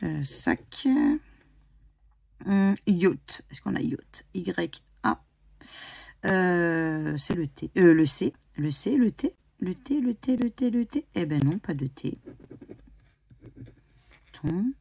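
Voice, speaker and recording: French woman, slow husky scratch-card commentary, spells letters aloud. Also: fairly low pitch, animated, a little mellow, no echo. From France. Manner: spells out letters one by one, muttering and hesitant. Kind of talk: casual commentary while playing scratch cards.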